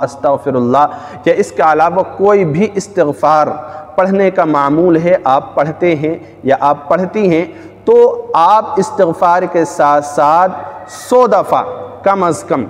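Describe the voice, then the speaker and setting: An earnest man with a fairly high voice gives religious advice, repeating his key phrases to drive them home. His voice rings out in a room with long reverb. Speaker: Islamic scholar. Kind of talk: religious advice talk to viewers.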